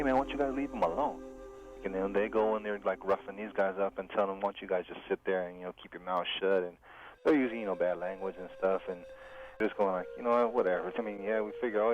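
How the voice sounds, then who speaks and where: Man, very low voice, animated storyteller doing everyone's voices; muffled recording with music under him. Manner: animated retelling, acting out quoted dialogue. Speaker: interviewee, event promoter. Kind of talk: casual storytelling interview.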